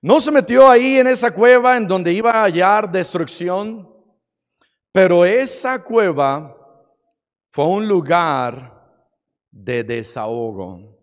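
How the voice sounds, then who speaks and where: Man, pastor, dramatic sermon, high lively voice, slow, long hall reverb. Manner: dramatic, acts out stories, shifts from shouting to quiet. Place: church.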